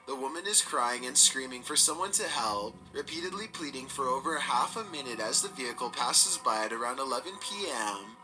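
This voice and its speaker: Man, scripted countdown narration, steady measured delivery, mid-pitched, clear music underneath. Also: rough recording.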